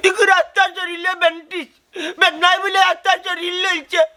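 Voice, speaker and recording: A man's voice: very high-pitched, normal speed, sharp tone. An actor with a Sylheti accent playing a desperate young man who crashed a motorbike, wailing and pleading for money. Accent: Sylheti Bengali. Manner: wailing, pleading, sobbing speech. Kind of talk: rural comedy drama acting.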